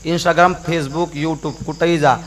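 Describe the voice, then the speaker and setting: A man's voice: on the high side, takes it slowly. A man preaching a devotional kirtan sermon, telling stories and calling out to the listeners. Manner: alternates singing refrains and lively storytelling, calling out to the crowd. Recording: echoey with music behind.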